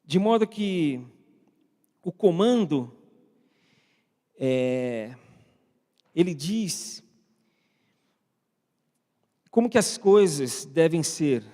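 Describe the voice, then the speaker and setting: A Brazilian-accented pastor gives a conversational sermon in a church hall full of long reverb, often asking his congregation questions and speaking to online viewers at home. He talks extremely slowly with long pauses, in a mellow, fairly high, sing-song voice.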